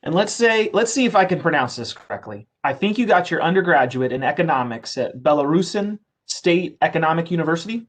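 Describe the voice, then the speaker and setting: A man with a high-leaning voice and lively intonation hosts a council interview, talking briskly with hardly any pauses. His tone is casual and friendly as he chats and reads out the guest's background.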